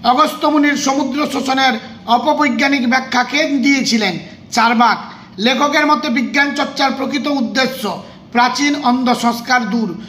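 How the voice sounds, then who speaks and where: A man's voice: very high-pitched, roomy sound, a little hiss or hum. A man with a West Bengal Bengali accent who teaches a coaching class, running through an exam revision lesson and reading terms and their meanings one after another. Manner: reads out terms and meanings in a steady list.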